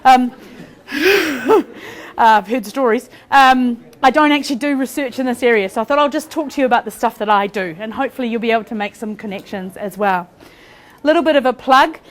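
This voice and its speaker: New Zealand woman, conference speaker, quick and chatty, self-deprecating, voice sits a touch high. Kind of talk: academic conference presentation. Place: lecture hall.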